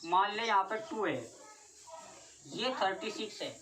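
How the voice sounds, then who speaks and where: A woman of medium pitch speaks a little slowly as she teaches a class-nine math lesson, asking her students question after question in a repetitive way. Faint noise is audible through the distant mic.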